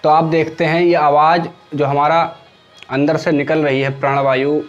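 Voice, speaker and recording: Male teacher sounding out syllables slowly. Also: a little high, level tone, muffled recording, faint music behind. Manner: explains slowly, repeating syllables aloud for students to copy. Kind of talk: exam-prep grammar lesson.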